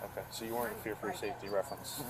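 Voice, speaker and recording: A man's voice: fairly low pitch, flat delivery, racing, background noise. A male police officer questioning people outside a house in a matter-of-fact way, recorded on his body camera. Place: outdoors at a house. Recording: busy body cam audio.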